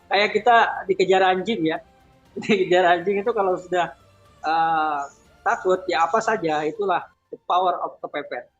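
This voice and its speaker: Male host, loose closing remarks, slightly high voice, dull sound. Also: moderate pace, fairly bright tone, soft background music. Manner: loose, hesitant, with fillers. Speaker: event host. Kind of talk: closing remarks at an online event.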